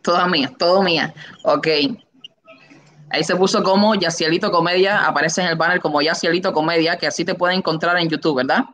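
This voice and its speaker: A young man with a Cuban accent hosting a live online interview, announcing with enthusiastic, drawn-out emphasis from a room on his webcam. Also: a little high, steady tone, a bit bright. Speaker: host. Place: indoor room. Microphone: webcam, video call.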